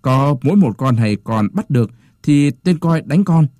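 A man's voice: on the high side, lively intonation, normal speed, mellow, no echo, clean studio sound, voice pushed up, natural voice. Brief: angry village watchman, complaining, raised voice, voiced by a male storyteller. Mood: indignant. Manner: indignant complaining.

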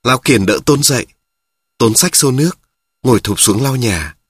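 A man reads a story aloud at a steady, matter-of-fact pace. His voice is husky, mid-pitched and recorded dry. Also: normal speed, no echo. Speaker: narrator. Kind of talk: audiobook narration.

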